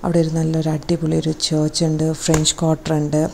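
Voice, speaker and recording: A woman's voice: deep voice, monotone, fast, vocal fry, a little mellow, slight background noise. A woman with a Malayali accent narrating her travel vlog as a chatty voice-over, rambling and correcting herself as she goes. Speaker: travel vlogger.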